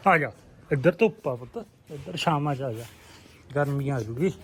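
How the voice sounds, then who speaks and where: A man with a Puadhi Punjabi accent gives relaxed, reminiscing narration as he walks and films outdoors in a village on a handheld phone. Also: mid-range voice, normal speed, a little hiss or hum. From Punjab, India. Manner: reminiscing, relaxed, loosely strung phrases. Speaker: vlogger. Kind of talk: casual walking vlog narration. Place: outdoors in a village, on rooftops and lanes.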